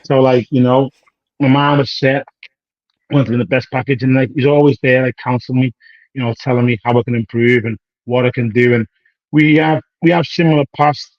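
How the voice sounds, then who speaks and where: Speaking a little fast with fairly even intonation, a medium-pitched British bodybuilder in his thirties chats loosely during an interview. He drifts through slangy tangents and performs old conversations as quoted dialogue, all on dull, dry audio.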